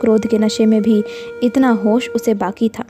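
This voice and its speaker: A woman narrating a classic novel in a steady, earnest storytelling voice. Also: on the high side, normal speed. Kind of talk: reading a classic novel aloud. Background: soft woodwind music.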